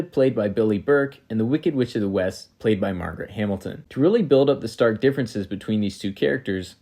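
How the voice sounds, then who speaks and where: A man narrating a scripted film review in a measured, analytical way. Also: on the low side, a little mellow.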